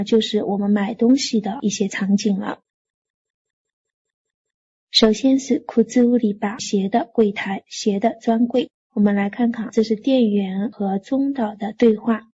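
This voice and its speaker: A woman's voice: a little high, dark tone, husky, highs cut off. A woman teaching a classroom grammar lecture, reading example sentences aloud and then explaining them patiently for students. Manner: explains patiently, reads Japanese lines then translates. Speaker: Japanese language teacher.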